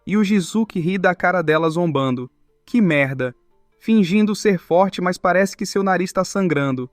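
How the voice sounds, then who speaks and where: A man narrating a comic story recap in a brisk, scripted way. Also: high voice, no room sound, clean studio sound. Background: faint music.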